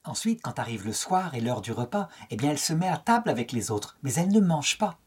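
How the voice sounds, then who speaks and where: A man's voice: medium pitch, very animated, fairly quick, darkish tone, slightly rough. A middle-aged French man giving a spoken lecture on a saint's life, telling it as a story and lifting his tone to quote the people in it. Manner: storytelling, quotes dialogue with lifted tone.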